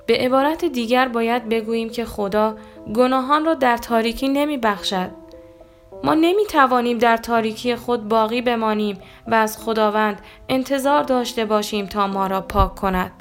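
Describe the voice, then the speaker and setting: A woman giving a calm, measured scripted devotional reading in a gentle storytelling manner. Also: fairly high pitch. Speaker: devotional reader. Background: soft guitar music.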